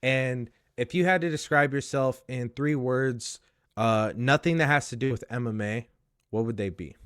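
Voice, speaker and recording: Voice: medium pitch, moderate pace, a bit bright, clean tone, no echo. Interviewer role: casual questioning, dry close sound with no room on it.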